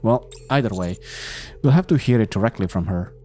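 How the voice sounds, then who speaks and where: A man voicing a thoughtful young woman who muses and speculates, in a low, mellow voice. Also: animated, brisk, soft background music, close to an everyday voice. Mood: musing. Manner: musing, speculative.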